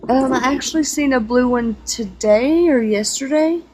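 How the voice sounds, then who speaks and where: A woman's voice: sits high, moderate pace, darkish tone, poor audio. Woman caller, informal and plain-spoken, faint noise behind. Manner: plain, informal, short answers. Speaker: caller receiving a reading. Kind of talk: casual chat.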